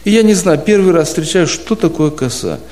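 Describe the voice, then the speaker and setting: A man with a somewhat high voice teaches a room of church brothers how to preach. He explains at an unhurried, patient pace, reaching for everyday examples and posing rhetorical questions to his listeners. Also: expressive, a little mellow. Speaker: preaching instructor. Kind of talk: informal teaching talk to a group of church brothers. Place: church congregation abroad.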